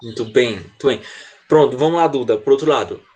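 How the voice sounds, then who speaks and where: A man's voice: mid-range voice, fairly quick, darkish tone, husky. A man with a Brazilian Portuguese accent teaching an online class to children, explaining patiently and checking in often over a video call. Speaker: English teacher.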